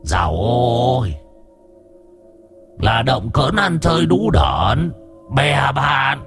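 A man voicing a sharp-tongued female ancestral spirit who speaks shrilly and scolds. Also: medium pitch, very animated, drawn-out words, faint music behind, voice pushed up, heavily acted. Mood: scolding.

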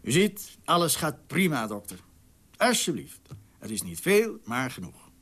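A man's voice: on the high side, big pitch swings, a little slow, fairly bright tone, husky, full character voice. An actor in a radio drama playing a secretive, agitated man hiding at home, swinging between mockery and frantic whispers. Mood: mocking. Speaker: lead character.

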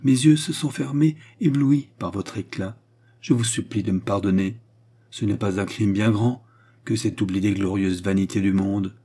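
A man's voice: fairly low pitch, moderate pace, dark tone. A man reading a stiff, sorrowful young woman turned nun in an audiobook, answering with restrained formality. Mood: mournful.

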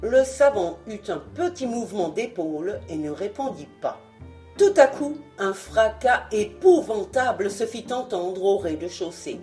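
A woman narrating a novel in an expressive, dramatic audiobook reading. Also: medium pitch, a little slow, faint music behind. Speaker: audiobook reader. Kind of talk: scripted narration.

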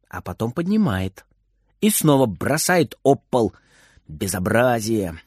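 A man reading a children's story aloud in an expressive, animated way. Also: mid-range voice, husky, no echo, clean studio sound.

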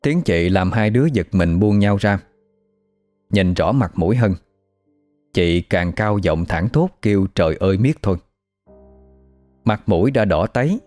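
A man reads a story aloud in a fairly low voice, steady and dramatic. Soft music plays quietly under his narration. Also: a little slow, long pauses, no room sound. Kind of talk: scripted audiobook narration.

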